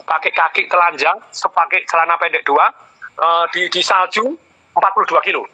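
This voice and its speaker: A middle-aged business coach with a fairly high-pitched voice talks at normal speed in a conversational interview, animatedly telling emotional stories and repeating exclamations often. The audio is poor, with slight background noise.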